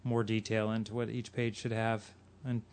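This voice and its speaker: A man's voice: fairly low pitch, little pitch movement, darkish tone. A man co-hosting a podcast, teasing the others in casual chat. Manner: teasing, quick banter. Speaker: podcast co-host.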